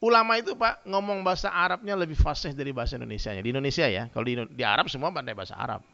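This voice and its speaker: A man giving a humorous sermon, telling lively stories and addressing his listeners directly. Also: medium pitch, racing, gravelly. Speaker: preacher. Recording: dull lo-fi sound.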